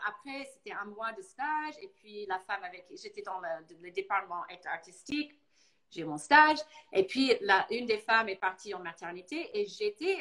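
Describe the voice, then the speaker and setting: A woman from Boston with an American English accent, talking casually as a guest and telling stories in lively fashion, slipping into English now and then. English is her first language. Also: mid-range voice, low-quality recording. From Boston, United States. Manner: animated storyteller, mixing in English words. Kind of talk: casual live talk.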